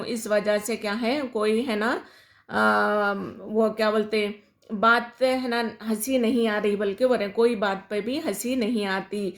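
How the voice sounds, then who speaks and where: Woman teacher, a bit high-pitched, explains poetry to her class, keeps asking and answering her own questions. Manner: repeats questions and answers them herself, mixes in English words. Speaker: school Urdu teacher.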